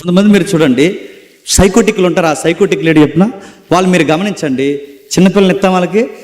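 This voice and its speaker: A man preaching a sermon, telling lively stories and putting questions to the congregation. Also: high-pitched, fast talker. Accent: Telugu. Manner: animated storytelling with questions to the congregation. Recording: echoey hall reverb.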